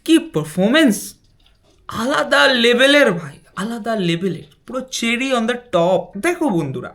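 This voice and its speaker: A football reaction vlogger reacts to a match in excitable, slangy chatter, swinging between hushed asides and yelling. His pitch is medium.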